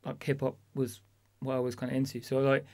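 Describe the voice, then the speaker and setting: A man speaks at an ordinary, middle pitch in an easygoing, conversational way. He drops into casual slang and trails off now and then while remembering. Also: a little fast. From England. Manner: relaxed, uses slang, hesitant with fillers. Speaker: author and performance poet.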